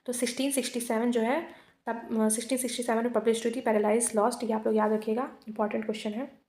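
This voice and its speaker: A woman teacher works through exam multiple-choice questions, reading each one out slowly in English and then switching to quick Hindi explanations. Her voice sits fairly high and stays flat, with little rise and fall. The room gives it a noticeable echo. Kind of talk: exam quiz lesson.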